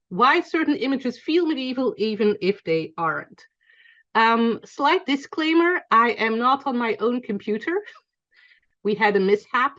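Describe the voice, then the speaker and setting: A Belgian woman in her forties, speaking with a Belgian accent, teaches an online class over a video call, chatty and full of ums and self-corrections. Her voice is fairly high and a bit bright, but the highs are cut off.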